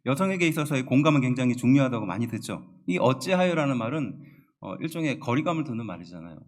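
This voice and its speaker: A man preaching in a steady voice of middle pitch. He explains scripture patiently and often asks his congregation questions. He slows down to stress the key phrases. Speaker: pastor. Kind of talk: sermon.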